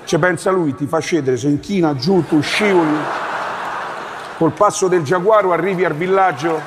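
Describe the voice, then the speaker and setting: A man performing a rapid, animated stand-up comedy monologue in a theatre. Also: a little high, a crowd in the background, background noise. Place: theatre stage. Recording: live theatre with audience, reverberant.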